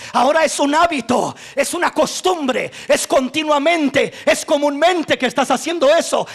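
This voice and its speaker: High, gravelly-voiced male pastor preaching. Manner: impassioned preaching, rises to shouting on key lines. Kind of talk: sermon.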